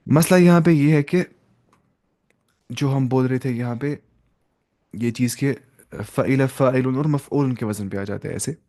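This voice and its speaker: A man's voice: medium pitch, unhurried, long pauses, warm tone. A young man teaching an Arabic grammar class to students, explaining each step, asking questions and mixing in English terms.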